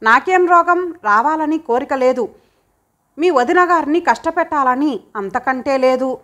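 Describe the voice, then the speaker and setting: An ailing middle-aged mother, as a woman narrator puts her on, wounded and sharp-tongued, speaks with a high, bright edge. Storybook reading. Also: normal speed, natural voice. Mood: indignant. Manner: tearful then biting, breathless. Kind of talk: audiobook character voice.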